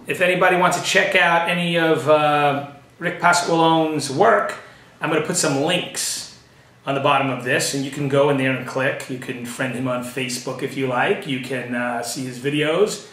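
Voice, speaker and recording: A chatty male host who rambles and laughs easily, with a fairly high voice. He sounds a bit away from the mic in a roomy, echoing space. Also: fairly even intonation, moderate pace, fairly bright tone. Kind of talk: casual chat. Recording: roomy echo, mic at a distance.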